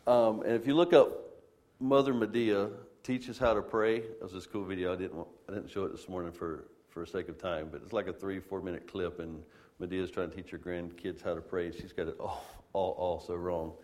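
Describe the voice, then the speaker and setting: A man's voice: low-pitched, steady tone, normal speed, a little mellow. A man, a pastor, preaching a sermon and telling a funny, self-deprecating story to his congregation. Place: church.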